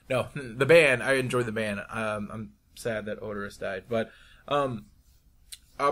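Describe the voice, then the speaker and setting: A man's voice: fairly low pitch, a bit bright. A young man casually talking over a drawing video in a chatty, rambling way, often restarting his sentences. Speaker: YouTube artist.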